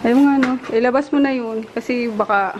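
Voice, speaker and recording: A woman's voice: fairly high pitch, normal speed, dull audio. A woman chatting casually in a home vlog, playful and laughing, cooing baby talk at her dog. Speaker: vlogger. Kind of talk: casual family vlog chat. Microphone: handheld compact camera. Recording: noisy home camera audio.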